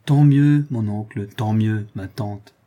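A man's voice: on the low side, takes it slowly, dark tone. A man reading aloud and voicing a cool, dryly ironic young woman with clipped phrasing.

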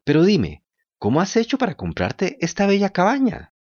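A man's voice: huge pitch swings, moderate pace, slightly rough, highs cut off, exaggerated voice. A man voicing an eager wooden puppet boy who pleads and gets tearful, in a storybook reading. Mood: emotional. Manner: high, bright and pleading.

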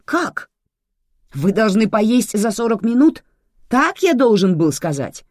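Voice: mid-range voice, very animated, slow pace, a little mellow, dry recording, studio quality, pitched above the performer's own voice. A reader voicing a clumsy young waiter who protests defensively.

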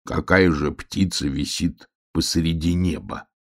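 A man voicing a gruff, bossy bear cub who grumbles and gives slow orders. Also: extremely low pitch, steady tone, full character voice.

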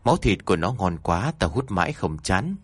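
A man voicing a gluttonous evil spirit that possesses a pregnant woman, speaking in a deep gruff voice, slow and spiteful. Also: very animated, no echo, exaggerated voice. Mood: gloating.

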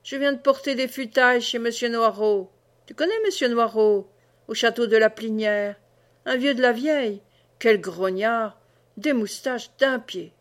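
A woman voicing a drunk, boastful old peasant man who blusters oaths and hiccups, slightly lower and slower than her own voice. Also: lightly acted.

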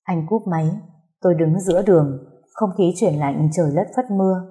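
Low, mellow woman narrating a story. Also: normal speed. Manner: earnest, emotional storytelling. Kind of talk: first-person audiobook narration.

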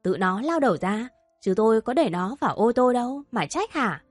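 A woman's voice: a little high, animated, moderate pace, dry recording, soft background music. A woman voicing a furious, scheming rich middle-aged mother who screams insults at those around her. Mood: shrill.

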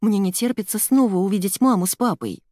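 A woman reading an audiobook, voicing an impatient young boy who speaks in a pleading, excited way. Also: on the low side, normal speed, no room sound, clean studio sound. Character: lost boy stuck young, eager and impatient.

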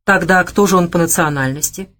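A woman narrating an audiobook in a calm, measured way. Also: lowish voice. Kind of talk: scripted narration.

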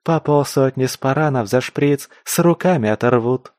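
A man's voice: mid-range voice, normal speed, a little mellow, no room sound, studio quality, voice pushed up, lightly acted. A man voicing a fierce, crude female mutant fighter who snarls threats in street slang. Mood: scheming.

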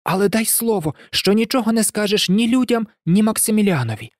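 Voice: medium pitch, expressive, fairly quick, dry recording, clean studio sound, voice pushed up, lightly acted. A reader voicing a sly young fox in a storybook, muttering and plotting to himself. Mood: scheming.

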